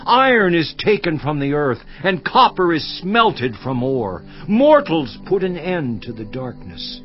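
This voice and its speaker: An actor playing Job, an aging afflicted man, declaiming scripture slowly and solemnly in a dramatized audio Bible, over a dull, lo-fi recording with faint music behind. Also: on the high side.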